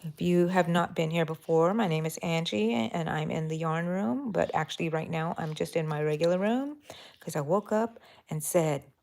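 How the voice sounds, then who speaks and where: Streaming live from her bedroom, a crochet channel host from Texas chats casually, muses aloud while working, and even addresses her yarn. She has a lowish, darkish voice with vocal fry and a moderate pace.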